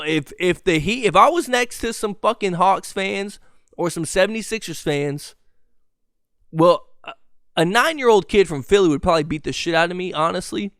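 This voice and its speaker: Young male podcast host, high, smooth voice, dry close sound, profane, animated storyteller. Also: no echo. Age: 20s. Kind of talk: casual sports podcast storytelling.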